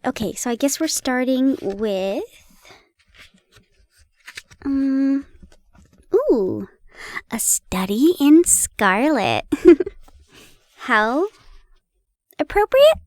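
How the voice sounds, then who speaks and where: An audio roleplay performer, a young woman with a high voice, chats warmly and playfully with the listener while reading an old story aloud. She giggles and stumbles over old place names, and there's no echo.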